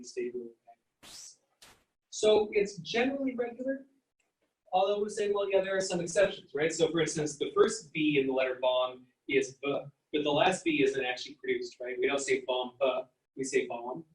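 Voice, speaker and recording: Male lecturer, fairly high voice, sounds out words for the class; roomy, distant pickup. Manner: explanatory, sounds out words and letters. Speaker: psychology lecturer. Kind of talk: university lecture. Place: lecture hall. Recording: echoey room, mic at a distance.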